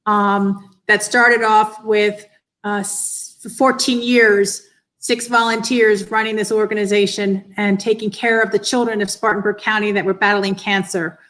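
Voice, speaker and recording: A woman's voice: medium pitch, little pitch movement, a little slow, fairly bright tone, low-quality recording. A woman in her fifties from the northeastern US, giving earnest, appreciative answers as an interview guest. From northeastern United States. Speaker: interview guest, children's cancer charity director. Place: indoors on an online call.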